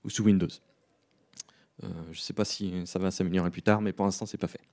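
Relaxed man giving a coding talk. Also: low-pitched, fairly quick. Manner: relaxed, self-deprecating, many fillers. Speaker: conference speaker. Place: conference room.

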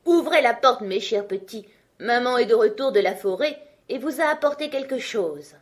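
A woman voicing a sly, menacing male wolf in a children's story, putting on a high, sweetened mother's voice at the door. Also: lively intonation, normal speed, close to an everyday voice. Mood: coaxing.

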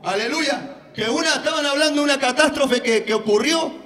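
Male evangelist, very high ringing voice, fiery shouted sermon style. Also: fairly quick, in a large hall. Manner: fiery, shouting, peppered with hallelujahs. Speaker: evangelist preacher.

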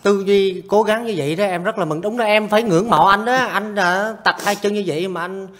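A man's voice: high-pitched, a little fast, fairly bright tone. A man hosting a vlog interview, encouraging his guests and backing them up with frequent short replies. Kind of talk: casual interview.

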